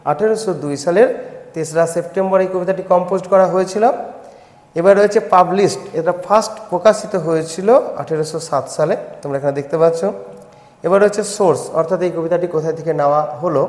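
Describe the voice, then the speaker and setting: A man's voice: sits high, darkish tone, reverberant, big-room sound. A man with a Bengali accent, teaching a poem line by line, explaining patiently and step by step to students.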